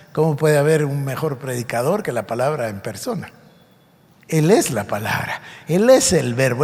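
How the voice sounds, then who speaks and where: A man's voice: on the high side, in a large hall. A man preaching a sermon, reading scripture aloud and explaining it with emphasis. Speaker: pastor.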